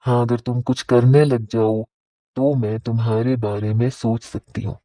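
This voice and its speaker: A proud, guarded young wife in a spoken story, read by a man. She sounds firm and self-assured in a mellow, dry voice. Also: mid-range voice, fairly even intonation, dry recording, lightly acted.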